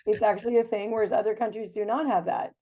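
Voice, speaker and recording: Fast and warm, with a steady tone in the mid range, this host is a woman in her fifties from the United States. She runs a casual video chat in an enthusiastic, talkative way, filling it with fillers and laughter.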